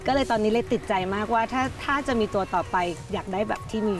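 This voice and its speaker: A woman in her thirties, a beach restaurant owner, answering interview questions in a relaxed, soft-spoken way outdoors by the sea. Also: medium pitch, quick pace. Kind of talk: casual interview. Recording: distant mic with music behind.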